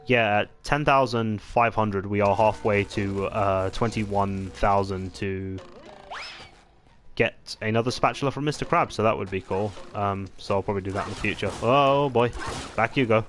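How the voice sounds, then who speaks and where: A man chatting casually as he commentates his gameplay, rambling with many pauses and restarts. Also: on the low side, faint music behind. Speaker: gaming channel host. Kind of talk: let's-play gameplay commentary.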